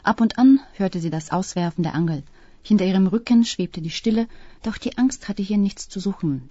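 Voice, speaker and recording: A woman reading a literary story aloud in a calm, even storytelling voice. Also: fairly low pitch, no echo. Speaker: audiobook reader. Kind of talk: scripted literary narration. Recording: dull, dry close-mic sound.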